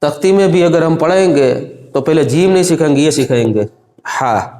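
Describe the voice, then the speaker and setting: A man teaching a children's lesson on Arabic letters, asking the same questions again and again and calling for the answers out loud. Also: a little high, normal speed. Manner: repeats questions, prompts pupils to answer loudly. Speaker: Quran reading teacher.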